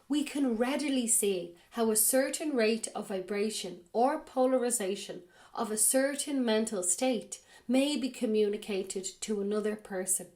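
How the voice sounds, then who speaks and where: A podcast host with a medium-pitched voice, a little raspy because she has a cold, reads a spiritual text aloud slowly and deliberately. She then adds her own commentary on it.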